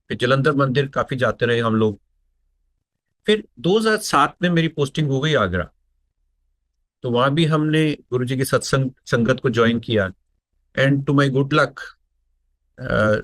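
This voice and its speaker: A middle-aged man from India, sharing a personal devotional testimony in an unhurried, reflective storytelling manner and slipping into phrases. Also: medium pitch, a bit bright, no echo. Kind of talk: unscripted spoken testimony.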